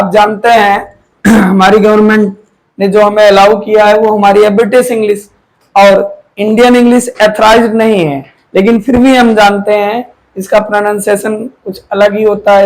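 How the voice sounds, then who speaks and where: A man's voice: sits high, low-quality recording. A man teaching, who asks questions and answers them himself, often repeating key words. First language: Hindi. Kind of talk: classroom lecture.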